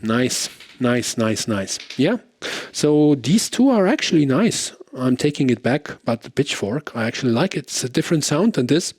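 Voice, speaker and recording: A guitarist reviewing effects pedals gives a casual product demo, thinking aloud informally. His mid-range voice is sing-song, at a moderate pace.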